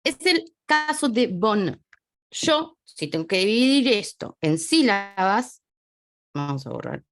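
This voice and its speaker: A woman's voice: mid-range voice, slow, dry recording. A woman with an Argentine accent teaching French phonetics in a chatty online lesson, drifting away from the mic as she writes at a small desk. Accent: Argentine Spanish. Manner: chatty, lively explaining, drifts away from the mic while writing. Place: small home study desk.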